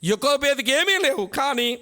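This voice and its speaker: A man's voice: extremely high pitch, sing-song, a little slow, sharp tone. A male pastor preaching an expository sermon, emphatic and often asking the congregation questions. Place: church.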